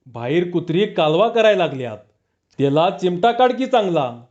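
A man voicing a timid, scared village husband who forces out strained, angry shouts. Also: high voice, sing-song, moderate pace, dull audio. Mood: scolding.

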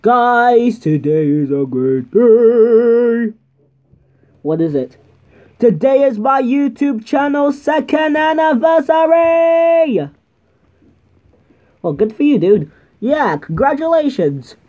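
In a room at home with toys scattered across the floor, a young toy video creator puts on a homemade puppet show, hopping between lots of silly character voices. His voice is very high and somewhat dark, with lively intonation, a slow pace, and long pauses. The home recording sounds dull and lo-fi.

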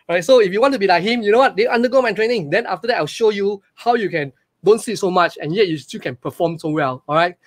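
A man in his forties with a Malaysian English accent, giving a live webinar from a small room over a webcam and talking in an energetic, repetitive way with lots of questions to the audience. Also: high-pitched. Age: 40s. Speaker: online business coach. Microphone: webcam on a video call.

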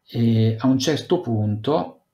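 A man's voice: mid-range voice, lively intonation, slow pace, mellow. A man teaching a youth group over a video call, retelling a scripture story with read passages, loose commentary and fillers. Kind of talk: Bible talk given over a video conference. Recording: echoey room.

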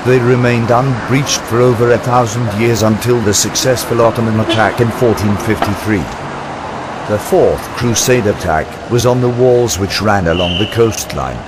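Older male narrator for a travel video, wry and chatty, slightly low voice over heavy traffic noise. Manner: chatty, wry, self-deprecating storytelling.

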